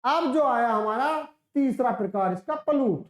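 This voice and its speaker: A woman teacher with a high voice gives a classroom lecture. She explains step by step, asks questions and answers them herself, and stretches out sounds to show them. The room is echoey. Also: expressive, unhurried. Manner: demonstrates sounds by drawing them out.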